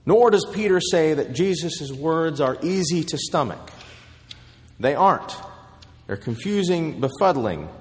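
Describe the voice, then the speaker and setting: A man preaching a sermon, telling a story with measured pauses. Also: fairly high pitch, big pitch swings, big-room sound.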